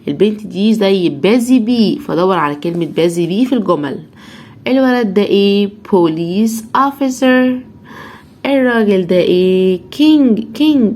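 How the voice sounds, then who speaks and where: A woman's voice: mid-range voice, lively intonation, a little mellow. Patient Egyptian woman teaching children English. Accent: Egyptian Arabic. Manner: drills each word slowly, syllable by syllable, over and over.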